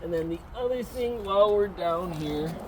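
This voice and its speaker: A man's voice: high-pitched, expressive, normal speed. A man giving a practical, step-by-step outdoor walkthrough of an RV's systems. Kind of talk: casual instructional walkthrough. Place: outdoors beside an RV. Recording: outdoor recording with clear background noise.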